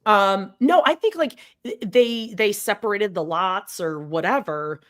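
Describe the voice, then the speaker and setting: A woman's voice: mid-range voice, unhurried. A woman co-hosting a podcast, chatting casually in a blunt, sarcastic way and swearing freely. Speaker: podcast co-host. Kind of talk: snarky casual watch-along chat.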